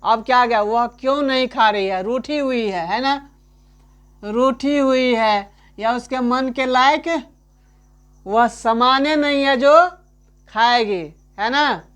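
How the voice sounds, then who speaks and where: A man teaching a grammar lesson in a chatty way, keeps asking "right?", calls the listener his friend, and repeats example sentences slowly. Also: very high voice, a bit bright, clean tone.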